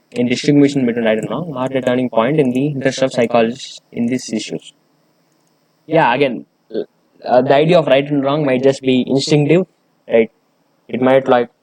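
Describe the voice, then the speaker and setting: A man's voice: medium pitch, darkish tone, no echo, low-quality recording. A man reading a research paper aloud and explaining it, hesitant, with many fillers and restarts.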